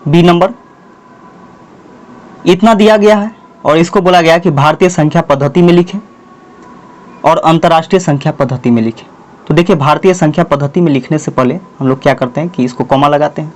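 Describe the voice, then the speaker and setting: A man with a Bihari Hindi accent teaches a school math lesson and dictates each number slowly, one word at a time. His voice sits a little high for a man. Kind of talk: board-work math lesson.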